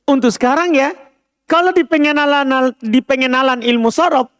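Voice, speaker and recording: A man's voice: very high voice, normal speed, a bit bright, no echo, studio quality. A man teaching an Arabic lesson, explaining patiently and often checking whether students understand. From Indonesia. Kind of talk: classroom lesson.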